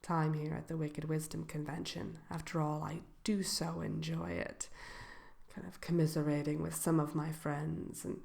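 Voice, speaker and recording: A woman voicing the Wicked Witch as a haughty yet gracious shopkeeper in a soft ASMR role-play, genteel and coy, often slipping into a whisper. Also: deep voice, level tone. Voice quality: creaky, breaking into whisper. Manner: unhurried, hesitant pauses, genteel, coy.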